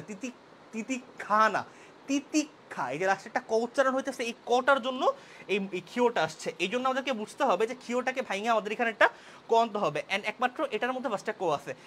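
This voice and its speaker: Young guy teaching an online class, talks super fast, with english mixed in, little bit of background hiss. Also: extremely high pitch, lively intonation, a bit bright. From Bangladesh. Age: young adult. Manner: brisk, mixes English words into Bengali. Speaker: university admission tutor.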